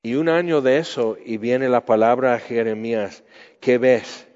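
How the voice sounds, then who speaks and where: A man's voice: medium pitch, steady tone, measured pace, darkish tone. A man preaching a Bible teaching, conversational, asking his listeners questions. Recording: muffled sound with long hall reverb.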